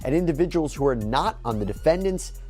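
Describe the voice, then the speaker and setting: A man's voice: a little high, lively intonation, a little fast, darkish tone, soft background music. A man giving legal news commentary, reading formal document text aloud and explaining it.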